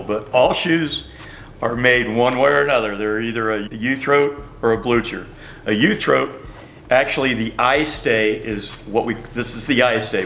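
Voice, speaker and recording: A man's voice: mid-range voice, pushed and bright, slight background noise. An older man, a shoe company representative, patiently explaining product features in a store. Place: bowling shoe store, indoors.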